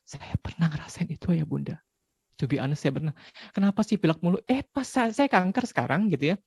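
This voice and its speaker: Give me a chatty man in his forties giving a parenting talk, voice a touch high, recorded dry. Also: very animated, a little fast, creaky, darkish tone, husky, no room sound. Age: 40s. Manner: conversational, peppers speech with tag questions. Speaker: parenting speaker.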